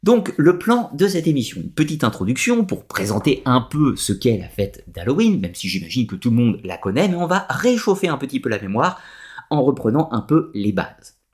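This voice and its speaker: A man's voice: mid-range voice, sing-song, normal speed, a little mellow. A man presenting a structured lecture, explaining step by step with frequent hesitations.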